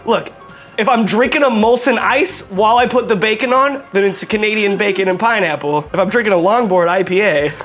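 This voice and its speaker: A man's voice: sits high, brisk, a bit bright, faint music behind. A man hosting a home cooking video, joking and chatting directly to viewers as he demonstrates. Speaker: cooking show host.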